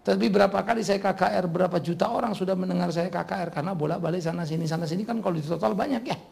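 A man preaching as a pastor, delivering a humorous sermon in a lively joking manner that often breaks into laughter. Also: sits high, racing, vocal fry. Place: church.

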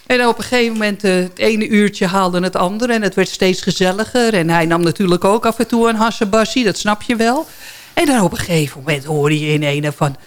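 A woman sits in a radio studio as a guest, spinning anecdotes in relaxed, chatty fashion. She stumbles and restarts often, her tone lively. Her voice sits at an ordinary middle pitch. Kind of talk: casual storytelling chat.

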